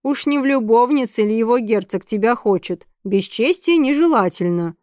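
A woman voicing a brisk, scheming elderly countess who speaks curtly and matter-of-factly to her granddaughter. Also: on the high side, lively intonation, darkish tone, no echo, studio quality, lightly acted.

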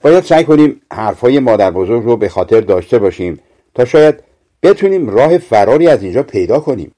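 A man's voice: medium pitch, sing-song, dark tone. Man voicing a timid little girl. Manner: timid, worried. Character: frightened young girl, a twin.

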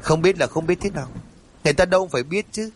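A man voicing a village chief's middle-aged wife who scolds and nags her husband briskly, in a storybook reading. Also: mid-range voice, background noise, natural voice. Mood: scolding.

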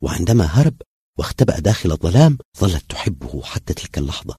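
A male storyteller with a deep, very husky voice, reading a dramatic story aloud. His pitch swings widely as he builds tension. The recording is close and dry. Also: big pitch swings, quick pace, warm tone, dry recording. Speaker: narrator. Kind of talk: dramatic audio story narration.

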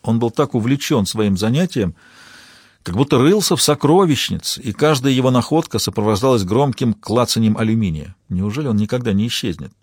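A man narrating a crime novel as an audiobook in an even, measured way. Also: mid-range voice, husky, dry recording, clean studio sound. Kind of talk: scripted narration.

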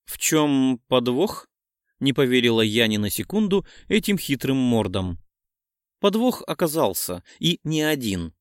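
A man reading a first-person romance novel aloud as an audiobook, in a smooth, lively narration. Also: mid-range voice, dry recording, studio quality.

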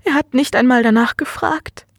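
A woman voicing a gravely ill young daughter, angry and hurt, in a higher voice than her narration. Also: quick pace, darkish tone, no echo, studio quality. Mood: tearful.

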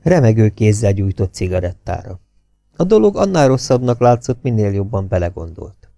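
A man narrating a novel as an audiobook reader in a steady, expressive reading style. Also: lowish voice, creaky, no echo, clean studio sound.

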